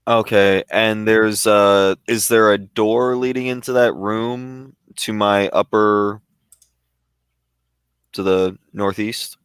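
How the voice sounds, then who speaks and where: Smooth low-voiced man playing a tabletop game. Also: fairly even intonation, slow pace, a bit bright, no echo, studio quality. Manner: careful, asks many questions. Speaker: player. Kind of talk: casual tabletop game play.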